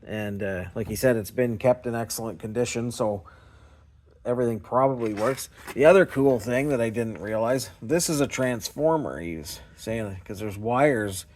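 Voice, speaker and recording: A scrap recycling vlogger from small-town Ontario, Canada, talks in a casual, unscripted style, rambling and hesitating in a self-deprecating way. His voice has a medium pitch, a moderate pace, and a somewhat dark tone.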